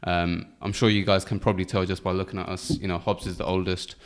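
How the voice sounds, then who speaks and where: A man's voice: sits low, little pitch movement, fast talker. A man, co-hosting a podcast in a jokey, teasing chat. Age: 30s. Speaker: podcast co-host. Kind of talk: casual chat.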